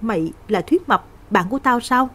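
A woman voicing a vengeful, lovesick young woman ghost in a spoken horror story, shrill and pleading. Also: lively intonation, a little fast, bright, forceful tone, husky, heavily acted. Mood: menacing.

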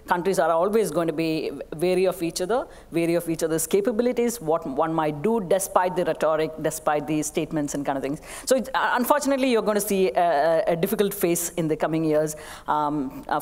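Lowish-voiced middle-aged woman on a panel, lots of uhs, hall echo. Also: darkish tone. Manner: measured, hesitant with many fillers. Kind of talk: conference panel discussion. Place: stage of a conference hall. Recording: hall reverb.

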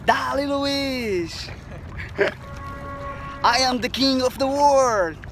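A young man from Brazil in his twenties, chatting excitedly to viewers in a casual travel vlog, filming himself with a phone held at arm's length on a city waterfront pier. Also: extremely high pitch, very slow, music in the background. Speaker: vlogger.

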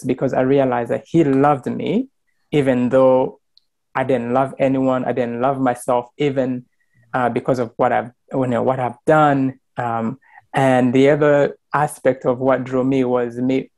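An earnest young man from Rwanda tells his faith story on a video call at a mid pitch. He talks through an earbud mic in a small plain room, pausing with fillers and restarting his sentences. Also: creaky, a little mellow. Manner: earnest, many fillers and restarts, gestures while talking. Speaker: church member sharing testimony. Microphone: wired earbud mic on video call.

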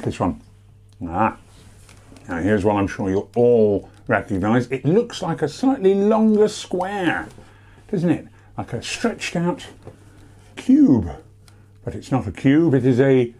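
A man's voice: mid-range voice, dark tone, husky. A British man presenting a playful maths lesson for young children, with theatrical, sing-song emphasis. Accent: British English.

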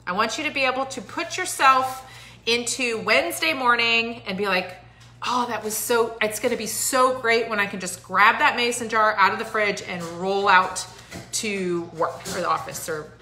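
A woman in her thirties talks into a phone at arm's length in her living room, hosting a live stream. Her voice is bright and forward, and her manner is chatty and encouraging, with lots of fillers. The room adds a noticeable echo. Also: mid-range voice, moderate pace. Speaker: host. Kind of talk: casual live-stream talk. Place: home living room, indoors.

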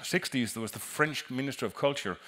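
Speaking on stage in a large conference hall, this acoustic designer has a mid-range voice that sounds pushed and bright. His presentation is halting, full of repeated words as he explains.

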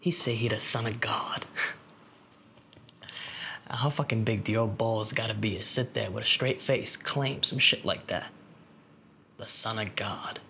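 A man's voice: lowish voice, measured pace, vocal fry, pauses often, bright, forceful tone, a little hiss or hum, full character voice. A young actor playing a grieving, streetwise young man in a dramatic monologue, talking in profane street slang. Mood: scornful. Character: young street-smart man, grieving lost friend, bitter.

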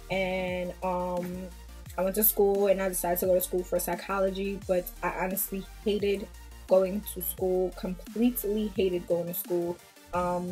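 In a small indoor room with a plain pink backdrop, a Queens-born vlogger in her 20s gives the camera a casual, blunt talk sprinkled with the occasional Jamaican patois phrase. Her voice sits in the mid-range with a darkish tone.

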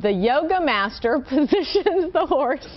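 A woman's voice: high-pitched, sing-song, unhurried. A woman narrating a scripted news story as anchor. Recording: dull, slightly noisy TV recording.

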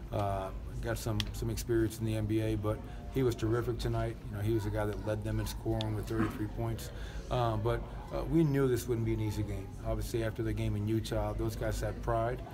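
A middle-aged man speaking as a head coach at a postgame press conference, measured and full of "uh" fillers, into handheld microphones held close in an indoor arena press area. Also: lowish voice, background noise. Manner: measured, flat delivery with frequent "uh" fillers and repeated words. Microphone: several handheld reporter microphones held close.

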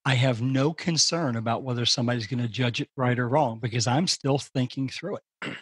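An older man, a podcast guest, talking through ideas in a relaxed, reflective way. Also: slightly rough, dry recording. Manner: reflective, thinks aloud, animated rises in pitch. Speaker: podcast guest, strategic advisor. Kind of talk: casual conversation.

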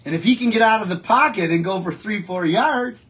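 A middle-aged show host goes through viewer comments on a relaxed live stream, chatting and wandering off-topic with frequent restarts. He speaks a little fast in a high, somewhat bright voice, against a wallpaper backdrop in his home studio.

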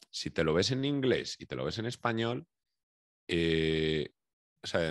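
A young Spanish man with a Spain Spanish accent talks through a podcast in a loose, slangy manner. His voice sits extremely low. The recording is dry, with no room sound at all. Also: dry recording. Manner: relaxed and chatty, slangy. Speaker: podcast co-host. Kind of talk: casual chat.

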